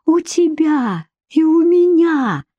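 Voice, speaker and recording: A woman reading the part of a lovestruck, emotional woman in an audiobook, soft and drawn-out, pleading. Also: on the high side, lively intonation, husky, dry recording, highs cut off. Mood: tender.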